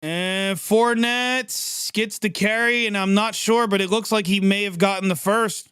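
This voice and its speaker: A livestream sports reaction host calls the action live, excitable and chatty, reacting quickly to every play. His fairly high voice has a clear, resonant tone, and the sound is dry and close with no room echo.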